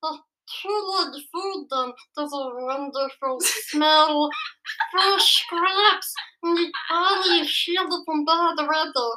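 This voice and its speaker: A performer voicing a wounded male stray cat in a slow, croaky, Kermit-like put-on voice, recorded over background noise and clicks. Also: high voice. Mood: weak, dreamy.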